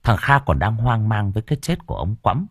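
Gravelly, husky male audiobook narrator. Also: lowish voice, a little fast, no echo, studio quality. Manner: expressive, animated reading. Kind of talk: storytelling narration.

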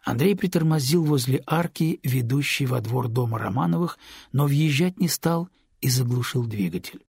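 A man narrating an audiobook in a steady, unhurried reading voice. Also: medium pitch, no room sound, clean studio sound. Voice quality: husky, gravelly. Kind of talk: scripted narration.

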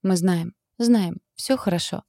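A woman doing a gentle, shaken protective man. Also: fairly low pitch, dry recording, studio quality. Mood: soothing. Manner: gentle, slow, soothing.

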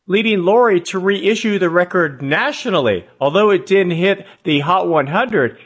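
A man with a fairly high, slightly husky voice hosts a radio show. He reads his scripted narration in a smooth, measured storytelling way. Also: a bit bright.

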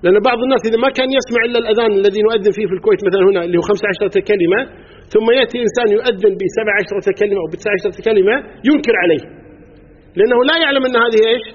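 A man with a Kuwaiti Arabic accent teaches a class on religious law at a very fast clip, pausing to quiz his listeners and count items aloud. His voice sits high and sounds somewhat husky. The recording is dull and lo-fi, with a long hall echo trailing each phrase. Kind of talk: religious lesson to a live class.

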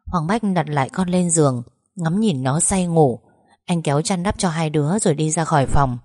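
A woman reading a story aloud, gentle and emotive. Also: sits low, normal speed, no room sound, clean studio sound. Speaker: narrator. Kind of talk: audiobook story narration.

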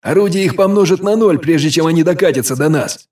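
A man reading an audiobook, voicing a gruff male staff sergeant who barks orders in a raised, higher voice. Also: very animated, moderate pace, full character voice. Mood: barking. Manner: loud, barking commands. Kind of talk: audiobook character voice.

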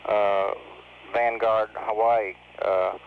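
Male American mission controller on astronaut radio: lowish voice, hesitant technical delivery, dull noisy transmission. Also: flat delivery, drawn-out words. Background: faint radio noise.

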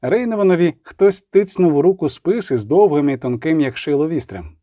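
A man narrating an audiobook in a measured, even storytelling manner. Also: fairly high pitch, no echo, studio quality.

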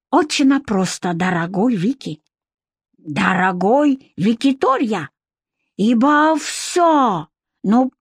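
A high, squealing male shopkeeper who mangles his grammar and gets worked up fast, acted by a woman reading. The voice jumps up and down wildly and comes across dry and close. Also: breathy edge, dry recording, exaggerated voice. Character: excitable male shopkeeper with broken speech, thin voice.

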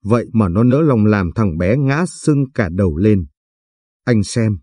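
A man voicing a sharp-tongued elderly village mother-in-law who scolds and accuses, read in a storytelling narration. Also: fairly low pitch, animated, unhurried, husky, no echo, studio quality. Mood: scolding.

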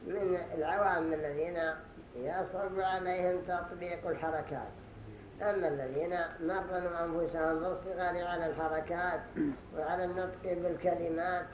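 High-voiced sheikh in an echoey hall. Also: male voice. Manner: deliberate explaining, repeats phrases to show pronunciation. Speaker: sheikh teaching a study circle. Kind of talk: religious lesson commentary. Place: study gathering in a mosque hall. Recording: roomy echo with faint hiss.

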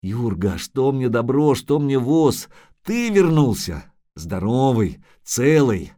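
A man's voice: medium pitch, big pitch swings, takes it slowly, dark tone. A man voicing an anxious, loving merchant's wife who pleads eagerly. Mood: pleading.

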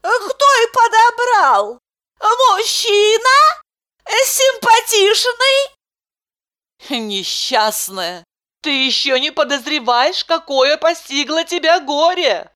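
A woman voicing a curious, nosy female friend who asks drawn-out prying questions. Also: sits high, fairly bright tone, pitched above the performer's own voice.

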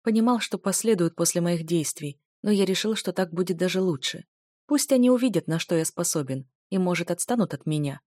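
Low-voiced woman reading a fantasy audiobook. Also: expressive, brisk, a little mellow, no room sound, clean studio sound. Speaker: audiobook narrator. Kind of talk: scripted first-person fantasy narration.

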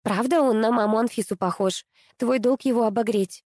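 Woman narrator voicing a spiteful, pushy young woman; shrill and demanding, dry close sound. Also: a little fast, darkish tone, no room sound, lightly acted. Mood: scornful. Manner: whiny, demanding, shrieking.

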